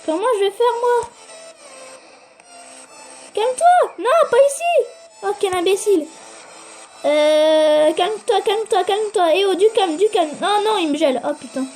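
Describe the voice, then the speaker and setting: A woman giving excitable live gameplay commentary, swearing and urging the game on while talking straight to her viewers. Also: very high voice, moderate pace, faint music behind. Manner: addresses viewers directly. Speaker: gaming video creator.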